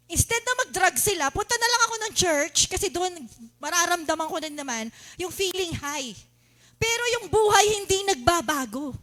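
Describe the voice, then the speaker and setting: A woman with a Filipino accent preaching a sermon, asking the congregation questions and mimicking excited worshippers. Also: very high voice. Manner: animated, asks the congregation questions, laughs, mimics shouting worshippers.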